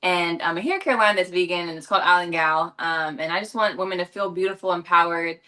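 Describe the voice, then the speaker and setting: Chatty and quick-paced, this young actress from Los Angeles responds to interview questions as a guest, using lots of fillers and correcting herself often. She has a lowish voice and a sharp tone.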